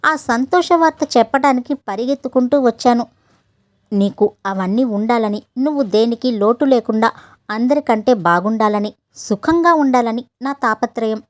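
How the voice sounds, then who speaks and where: A woman's voice: on the high side, normal speed, no echo, natural voice. A woman voicing an exasperated young husband. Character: young husband, a busy doctor, defensive.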